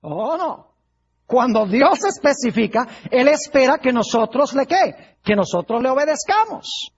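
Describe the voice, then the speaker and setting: A man's voice: very high-pitched, lively intonation, normal speed, slightly rough, highs cut off. A male pastor preaching a sermon, putting rhetorical questions to his congregation.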